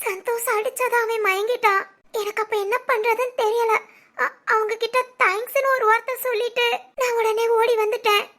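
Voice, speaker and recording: A woman's voice: very high voice, fairly even intonation, moderate pace, fairly bright tone. A woman voicing a frightened young bride-to-be who cries and pleads, repeating her partner's name, in an amateur family drama. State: crying.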